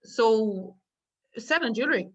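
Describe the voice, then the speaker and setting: A woman's voice: on the high side, animated, slow pace, a bit bright, muffled recording. A woman in her thirties with a west of Ireland accent, telling her story informally as an interview guest, often quoting conversations. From County Galway, Ireland. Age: 30s.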